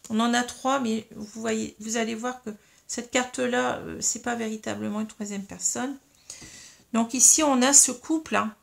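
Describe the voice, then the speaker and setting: A woman reads tarot cards for her audience, slowly explaining each one and padding her talk with fillers. Her voice sits a little high with a strong gravelly fry. She has a slight frog in her throat. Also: fairly even intonation. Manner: explains slowly to viewers, many fillers and "hein". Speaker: tarot reader. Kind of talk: tarot card reading.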